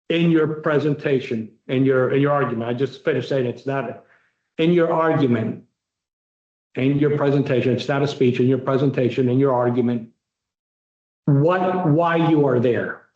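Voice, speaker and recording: A man lecturing students on moot court advocacy, emphatic and repetitive, slowing right down to stress key points. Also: mid-range voice, darkish tone, echoey room, highs cut off. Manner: emphatic, repetitive, direct coaching; varies pace, slowing sharply for emphasis.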